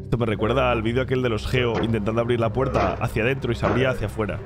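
A man giving excited reaction commentary on a video, breaking into exclamations and laughs as he watches. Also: medium pitch, very fast. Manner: animated, bursts into exclamations and laughs. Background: music from the video he is watching.

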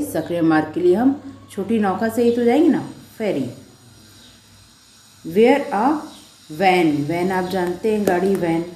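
A woman teacher leads a pronunciation lesson, saying each word twice before she explains it. Her voice is soft and dark, and she speaks at a slow, deliberate pace. The room gives her voice an echo. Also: medium pitch. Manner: slow, drawn-out word drills, repeating each word; explains in Hindi, reads English sentences slowly. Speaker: English teacher.

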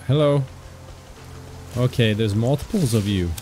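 A man hosting a gaming channel talks casually at normal speed as he plays, addressing both himself and viewers, and his voice gets loud and high when he's excited. The background carries game music and the sound of rain.

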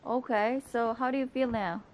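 A woman with a Korean accent talks excitedly to her phone camera outdoors in the snow. She exclaims often and keeps firing questions. Her voice sits a bit high, with faint background noise. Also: moderate pace, rough recording. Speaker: vlogger and English teacher. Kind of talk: casual vlog chat. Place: outdoors in a snowy backyard.

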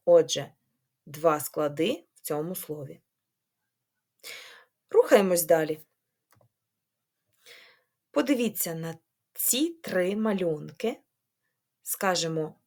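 A woman's voice: on the low side, a little mellow. A woman teacher with a Ukrainian accent giving a remote reading lesson to young children, patient and sing-song, clapping out syllables. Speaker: primary school teacher.

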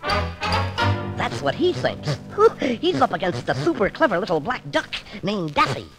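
A man voicing a scheming, boastful cartoon duck who talks slyly and fast, with music playing behind. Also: high voice, huge pitch swings, full character voice. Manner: sly, fast-talking, pleased with himself. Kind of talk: children's story record acting.

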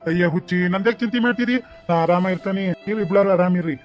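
A man's voice: sits high, fast, faint music behind, lightly acted. A man with a North Karnataka Kannada accent voicing a tearful, doting old village grandfather in a cartoon, talking in a fond, grumbling, pleading way. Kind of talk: cartoon voice acting.

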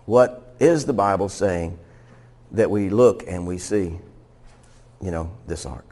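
A man's voice: low-pitched, takes it slowly, a little mellow. A man preaching a Bible teaching sermon in a conversational way. He laughs now and then and often stumbles and restarts his sentences. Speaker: pastor.

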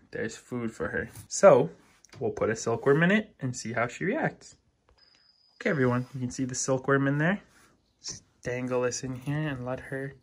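A man hosting a casual vlog in the reptile room of his home, talking affectionately to his lizards as he feeds them, with excited exclamations. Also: medium pitch. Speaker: reptile keeper and channel host. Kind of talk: casual vlog narration while feeding pets.

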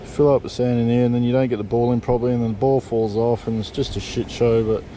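A man's voice: mid-range voice, flat delivery, fast, mellow, slight background noise. Laid-back swearing Australian man. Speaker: fishing vlogger. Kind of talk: casual how-to chat. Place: back of a parked vehicle outdoors. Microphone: point-of-view body camera.

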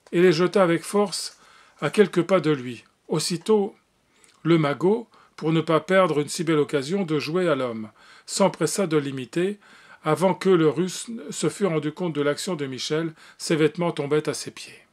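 Brief: male amateur narrator, slightly high voice, hesitant delivery with fillers, classic novel read aloud. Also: normal speed. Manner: hesitant, with frequent fillers and restarts. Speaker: audiobook reader.

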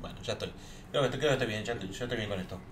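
Quiet muttering man playing a game. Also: lowish voice, racing, recorded from a distance, slight background noise. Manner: muttering to himself while playing. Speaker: gameplay streamer. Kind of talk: let's play commentary.

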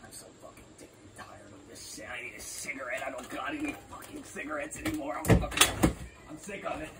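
A man playing a cranky grown man who yells and curses to guard his wrecked house, in a comedy skit. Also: mid-range voice, huge pitch swings, fast talker. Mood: fed up. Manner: yelling, cursing, possessive. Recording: distant mic with loud noise.

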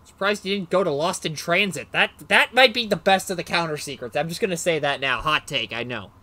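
Rambling, animated male card player. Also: a little high, brisk, dry recording. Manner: rambling, self-mocking, loses his train of thought. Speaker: card game player and commentator. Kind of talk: casual play-by-play of a card match.

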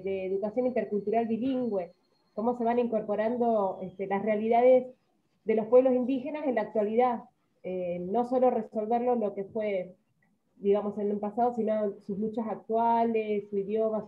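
Over a thin, phone-like connection comes a woman asking a question. She pitches her voice a little high and hesitates between phrases with fillers. The sound is narrow and tinny. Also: normal speed. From Argentina. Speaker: audience member asking a question.

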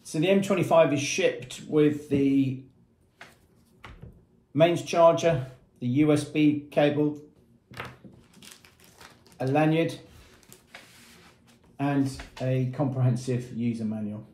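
Speaking slowly and pausing often, a mellow, medium-pitched man in his fifties gives a plain product walkthrough for a marine equipment retailer. His informal style is methodical, built from short phrases. He's at a table in a small block-walled, painted room that makes the recording echo.

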